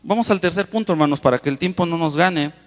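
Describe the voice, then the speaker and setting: Addressing his congregation again and again as "hermano," this preacher delivers his sermon with passion, his voice on the high side. Key words are drawn out slowly, punctuated by sudden surges in volume, and the recording carries the long reverb of a big auditorium hall.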